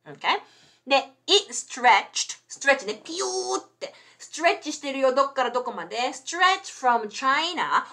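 A middle-aged woman hosting a casual bilingual livestream lesson. She reads English sentences slowly and explains each phrase in Japanese, asking and answering her own quiz questions. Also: sits high, sing-song, sharp tone. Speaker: English teacher and livestream host.

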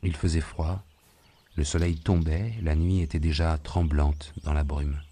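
A man narrating an audiobook with a very low, deep voice. He reads in a calm and measured way. The narration has a steady storytelling pace. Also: breathy edge. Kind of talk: scripted narration.

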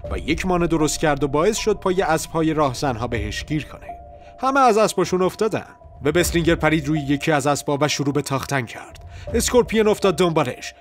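A man narrates a story from a script in a lively way. His voice is fairly high for a man. Soft music plays beneath the narration.

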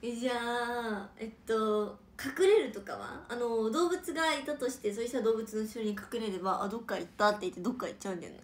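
A young woman chatting on a casual livestream and reading viewer comments aloud. Her somewhat high voice stays playful and rambling, and she often drops into soft whispered asides. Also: expressive, a little fast, hardly any pauses. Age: young adult.

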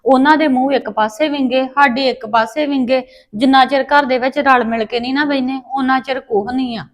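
A woman with a Punjabi accent, acting in a family drama, speaking soft and earnest. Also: high voice, fairly even intonation, fairly quick.

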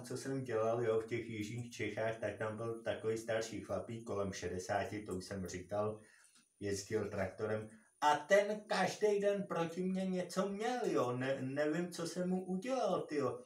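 A man vlogger telling a personal work story in a rambling, repetitive way, full of filler words. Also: fairly low pitch. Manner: rambling, repeats himself, many filler words. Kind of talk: casual storytelling. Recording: roomy and distant from mic.

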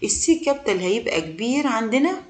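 A woman with an Egyptian Arabic accent teaching beginner English. She speaks patiently and repeats each word slowly for learners. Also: on the high side, very animated, a little mellow, reverberant. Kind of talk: beginner language lesson.

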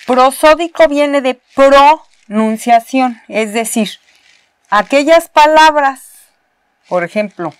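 A Mexican woman whose voice is on the high side teaches spelling at a university, working at a board. She is patient, proceeds step by step, and repeats key words, recorded with no room sound.

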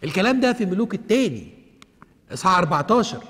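A man's voice: high-pitched, big pitch swings, rapid-fire, a bit bright, husky, big-room sound. A man with an Egyptian Arabic accent teaching the Bible on television, asking himself questions and answering them, repeating each point step by step.

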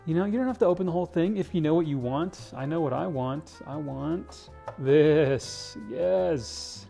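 This young adult vlogger, who teaches English, playfully tours a big house's kitchen on a handheld camera pointed at himself, dropping "dude" frequently. He speaks fairly high, unhurried and mellow, with a creaky edge, while music plays faintly behind him.

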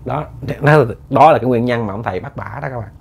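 A man's voice: medium pitch, fast, creaky, slightly rough. A man telling a ghost story in a folksy, repetitive way, often addressing his listeners.

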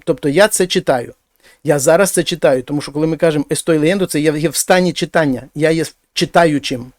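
A man teaching Spanish grammar, explaining patiently and saying the example phrases louder and higher. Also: no room sound, clean studio sound. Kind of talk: language lesson.

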